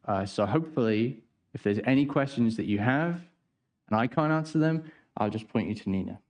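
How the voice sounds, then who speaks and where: A man's voice: mid-range voice, normal speed. Hesitant man introducing himself. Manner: relaxed, hesitant, with fillers. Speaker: consulting engineer. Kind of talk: brief self-introduction at a conference.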